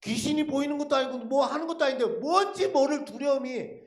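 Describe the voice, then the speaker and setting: Animated high-voiced man testifying in an echoey church. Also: brisk. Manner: animated storytelling with rhetorical questions. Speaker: lay speaker giving a testimony. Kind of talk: dramatic testimony at a church service. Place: church sanctuary.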